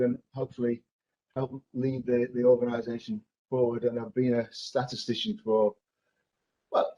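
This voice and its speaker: A man's voice: mid-range voice, a little mellow. Dull-sounding male meeting chair, hesitant delivery. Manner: hesitant, repeats words. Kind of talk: informal meeting facilitation. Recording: dull lo-fi video call audio.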